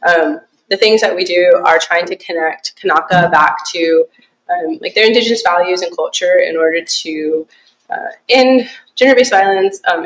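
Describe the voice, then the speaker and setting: A young woman from Alaska giving a casual presentation to a small group, relaxed and chatty with many fillers and easy laughs. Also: on the low side, poor audio. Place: small conference room.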